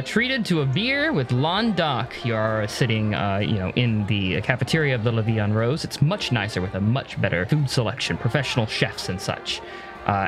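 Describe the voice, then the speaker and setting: Animated male game master over music. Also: medium pitch. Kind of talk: casual tabletop game narration.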